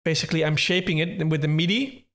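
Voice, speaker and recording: A man's voice: a little high, expressive, fast, a bit bright. A man walking through how he made a track, in casual tutorial talk, thinking aloud with small restarts. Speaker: music producer explaining his track.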